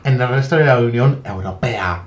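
A man's voice: mid-range voice, a little fast, echoey room. A man from Spain co-hosting a casual chat, teasing and cutting in with jokes. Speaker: podcast co-host.

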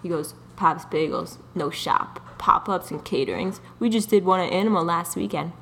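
A young woman with a somewhat low-pitched voice tells a dating story as a podcast co-host. She talks casually and animatedly, laughing often and poking fun at herself. A faint hum of ambience sits behind her. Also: moderate pace, fairly bright tone.

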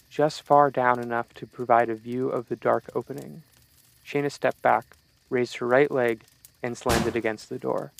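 Gravelly man narrating a horror story. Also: medium pitch, a little hiss or hum, rough recording. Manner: steady, measured storytelling.

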